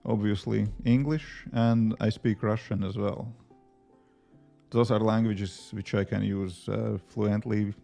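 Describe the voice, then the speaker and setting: A native Latvian speaker with a Latvian accent, this app developer chats casually on a live coding stream, answering questions from chat as he works between tasks, rambling with many fillers. He speaks slowly in a low, gravelly, warm voice with fairly even intonation, faint music behind him.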